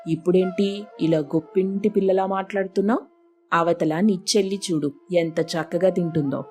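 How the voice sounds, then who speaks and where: A woman's voice: on the low side, fairly even intonation, normal speed, a little mellow, faint music behind, pitched below the performer's own voice, lightly acted. A woman voicing an elderly village mother who scolds and fusses over her daughters in a storybook tale. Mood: scolding.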